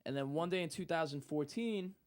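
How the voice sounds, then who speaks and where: A man's voice: on the high side, fairly quick. A young man telling a story in casual talk, acting out what people said. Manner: animated, acts out quotes. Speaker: guest.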